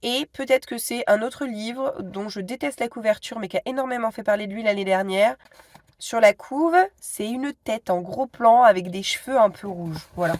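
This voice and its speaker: A vlogger in her thirties, stuffy with a cold, chats casually to her phone camera at home. Her voice is fairly high and moderately paced, and she sounds hesitant and full of asides.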